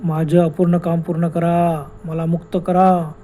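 A man voicing the ghost of a man buried alive, speaking in a slow, heavy, pleading way. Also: on the high side, flat delivery, mellow, a little hiss or hum, close to an everyday voice.

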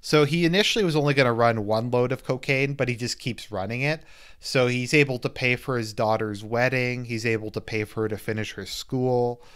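A man's voice: medium pitch, brisk, a bit bright, clear, resonant tone. A man giving a loose, casual spoken movie review as he rambles through the plot. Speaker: film reviewer.

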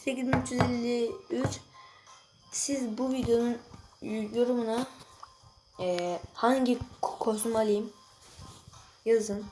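A young girl chatting excitedly to viewers while she plays a mobile game, reacting loudly to each moment. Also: a little high, takes it slowly, pauses often, rough recording. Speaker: gaming video creator. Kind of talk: casual gameplay commentary. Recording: music playing behind the voice.

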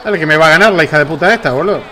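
A man with an Argentine accent giving excitable, profane commentary while playing a wrestling video game. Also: fairly high pitch, racing, slight background noise. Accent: Rioplatense Spanish. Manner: excitable, swearing, taunting the game. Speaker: gameplay streamer. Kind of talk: casual gameplay commentary.

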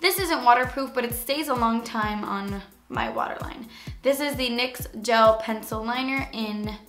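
A woman with a raspy voice today, casually talking through a makeup tutorial in a chatty way full of fillers. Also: fairly high pitch, unhurried, a bit bright, roomy sound, soft background music. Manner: chatty, filler-heavy, frequent "like". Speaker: beauty vlogger.

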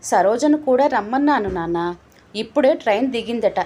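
A woman voicing a patient grown son who pleads calmly with his father in a storybook reading. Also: a little high, normal speed, slight background noise, lightly acted. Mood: earnest pleading. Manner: earnest, pleading.

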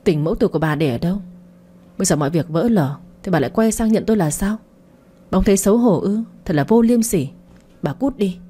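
Enraged young woman, as a woman puts her on, spiteful, rapid, husky, in a storybook reading. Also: medium pitch, animated. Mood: furious. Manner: shouting insults, fast and bitter.

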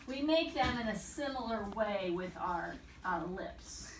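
A woman teacher leading a classroom word-study lesson, encouraging and repeating words slowly and deliberately. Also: medium pitch, expressive, background noise. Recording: echoey classroom from far off.

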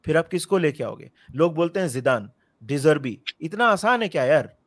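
Male panelist from India, slightly high voice, excitable and rambling, dry close mic. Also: moderate pace, no room sound. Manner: animated, rambling, frequently forgets names. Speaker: football podcast panelist. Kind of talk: casual football chat mixing Hindi and English.

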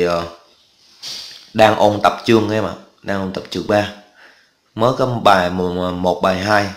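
Chatty man teaching math in an echoey room. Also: lowish voice. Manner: chatty, asks students checking questions often. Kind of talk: casual spoken math lesson.

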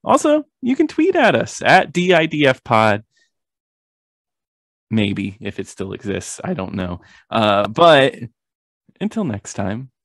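Gravelly, animated man co-hosting a podcast. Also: mid-range voice, slow, dry recording, studio quality. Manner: laughs often, animated banter. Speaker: podcast co-host. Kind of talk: casual chat.

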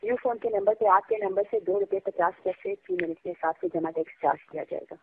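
A woman's voice: mid-range voice, sing-song, racing, vocal fry, slight background noise. Exasperated call-center woman on a tinny phone line. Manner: polite but increasingly exasperated, keeps saying "sir". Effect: heard over a phone line. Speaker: mobile network customer service agent. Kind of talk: formal customer service call.

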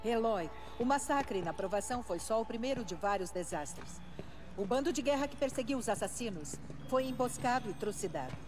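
A woman as a solemn, high-voiced elderly Brazilian matriarch. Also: animated, brisk, close to an everyday voice. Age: older. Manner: solemn, reverent. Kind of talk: dubbed video game drama. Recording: loud game music behind.

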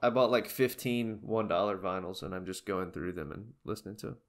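A man's voice: low-pitched, fairly quick. A young man co-hosting a podcast, chatting casually about records and bands with lots of fillers. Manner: rambling, relaxed, many fillers. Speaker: podcast co-host. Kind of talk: casual chat.

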